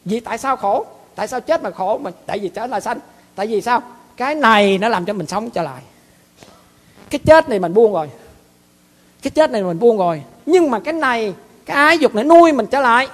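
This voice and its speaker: A man's voice: extremely high pitch, animated, brisk. A man with a Southern Vietnamese accent, a monk and abbot giving a dharma talk in a folksy, repetitive storytelling way. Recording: long hall reverb.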